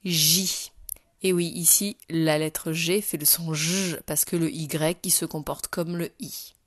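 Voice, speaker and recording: A woman's voice: sits low, fairly even intonation, measured pace, no echo, clean studio sound. A woman teaching phonics to a young child, speaking patiently and directly to the learner. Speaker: primary school teacher.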